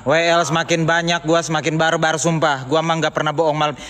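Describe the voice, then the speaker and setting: Jittery male ghost-hunting streamer, slightly high voice, long hall reverb, phone mic. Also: little pitch movement, fairly quick. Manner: jittery, calling out into the dark. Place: empty haunted building indoors. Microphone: handheld phone. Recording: reverberant hall with faint noise.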